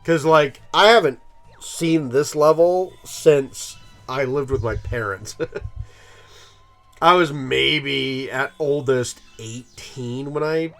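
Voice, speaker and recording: A man in his thirties hosts a gaming channel, talking slowly in a medium-pitched, slightly bright voice with faint music behind. His let's-play commentary wanders, is heavy with filler, and is punctuated by self-amused laughter.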